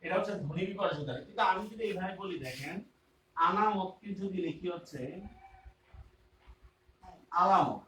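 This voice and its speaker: A man's voice: high-pitched, brisk, a bit bright, a little hiss or hum. A male teacher gives an online grammar class, repeating key terms and often checking whether students follow. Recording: roomy and distant with faint ambience.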